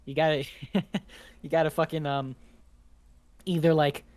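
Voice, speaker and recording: Man, podcast co-host, casual chat, laughs a lot, swears freely, slightly high voice, dry sound. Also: little pitch movement, measured pace, a little mellow, dry recording.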